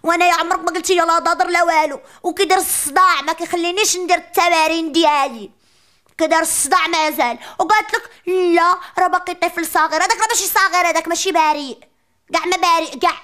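Lady doing a bratty little moroccan girl, super high squeaky voice, rattles off complaints fast. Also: fairly even intonation, sharp tone. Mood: complaining. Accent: Moroccan Arabic. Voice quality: childish high voice, rapid rants. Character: chatty sassy little preschool girl, complaining. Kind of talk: comic monologue.

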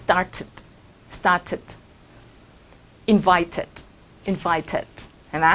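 Low-voiced woman drilling pronunciation. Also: level tone, a bit bright. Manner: drills sounds slowly and repeats them for students. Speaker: English pronunciation teacher. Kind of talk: classroom pronunciation lesson.

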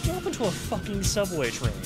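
A man's voice: high-pitched, fast talker. A man giving casual, joking let's-play commentary while he plays an old game. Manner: jokey, lively, quips at the game. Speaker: gaming host. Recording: game music behind.

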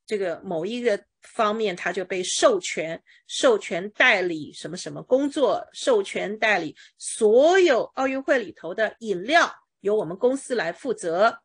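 A woman teaching English pronunciation, explaining patiently with everyday examples and drilling words with her student. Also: medium pitch. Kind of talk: pronunciation lesson.

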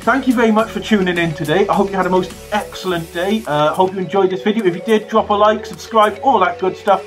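A man vlogging in an excited, gushing way, his voice muffled through a costume head. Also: high-pitched, fast talker, few pauses, faint music behind. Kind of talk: excited unboxing vlog.

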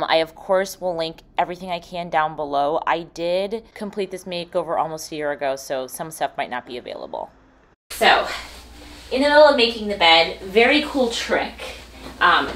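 A woman's voice: on the low side, a bit bright, slight background noise. A woman in her thirties hosting a casual room makeover vlog, chatting and explaining things step by step. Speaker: host and room designer. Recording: background music under the voice. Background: music.

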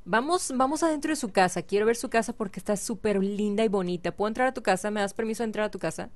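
A woman's voice: mid-range voice, fast. A young woman giving chatty, playful commentary on a life-sim game and talking to the characters. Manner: chatty, hums and sings along, talks to game characters. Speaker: gaming YouTuber.

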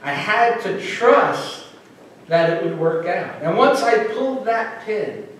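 A middle-aged man giving a sermon as minister, earnest and conversational, with slow emphatic pauses. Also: sits high, lively intonation, a bit bright, slight background noise. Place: church sanctuary. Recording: echoey church hall mic from a distance.

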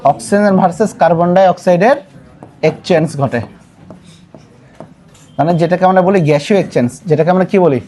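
A man with a Bangladeshi Bengali accent teaching biology in a call-and-response lesson, firing repeated questions and urging students to answer louder, with English words mixed in. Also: high voice, fast talker, long pauses, slight background noise. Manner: mixes English words into the explanation.

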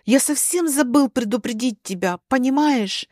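A woman's voice: high-pitched, moderate pace, a little mellow, no room sound, clean studio sound. A woman voicing a weary, apologetic young husband in a spoken story.

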